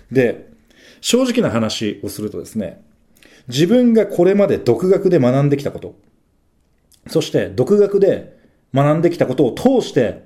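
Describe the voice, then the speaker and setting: A man's voice: medium pitch, dark tone. A man recounting his own experience as a trader in a casual storytelling monologue, dropping frequent little affirming fillers as he talks.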